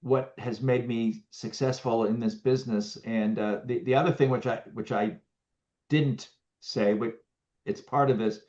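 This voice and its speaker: A middle-aged business owner being interviewed, talking casually with many restarts and fillers over a video call. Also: male voice, mid-range voice, fairly even intonation, a little slow, darkish tone. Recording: muffled lo-fi audio.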